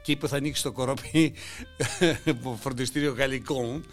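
A man delivering a mocking satirical monologue, swinging between loud outbursts and hushed asides. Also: medium pitch, steady tone, faint music behind. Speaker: satirical commentator.

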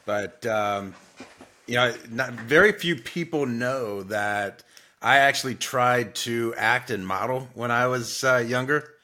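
A man in his forties from Ohio, a sales coach guest, talking in a relaxed, easygoing way with halting fillers. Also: medium pitch. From Ohio, USA. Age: 40s. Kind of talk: casual interview chat.

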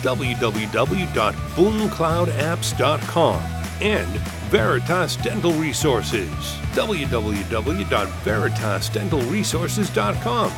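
A man's voice: a little high, sing-song, takes it slowly, hardly any pauses. A man reading a scripted promotional podcast introduction as announcer. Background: loud guitar music.

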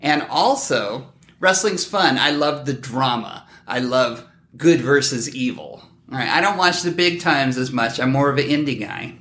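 A middle-aged man hosting a podcast with animated, joking, mock-defensive banter in a casual style. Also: medium pitch, unhurried, roomy sound. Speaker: podcast host.

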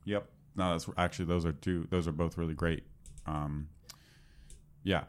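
A man's voice: low voice, fairly even intonation, normal speed. A man in casual conversation, rambling with lots of fillers as he talks shop. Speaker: podcast co-host, developer. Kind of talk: casual chat.

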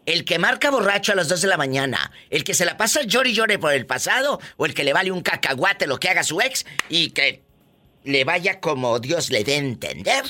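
Flamboyant Mexican radio host, very animated. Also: male voice, fairly high pitch, moderate pace. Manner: flamboyant, teasing, theatrical. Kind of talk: live call-in radio banter.

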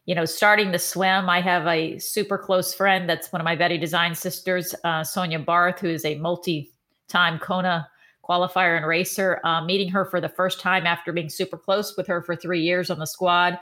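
Texan woman, coach guest on a podcast, bright tone, animated storyteller with plenty of "um"s. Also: on the low side, moderate pace. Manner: animated storytelling with many fillers. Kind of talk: casual podcast conversation.

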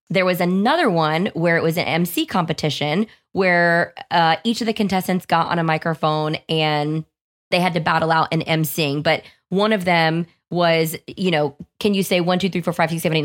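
A young woman hosting her own podcast in a hoarse voice, chatting casually and upbeat, often saying "like". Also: lowish voice, normal speed. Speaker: podcast host.

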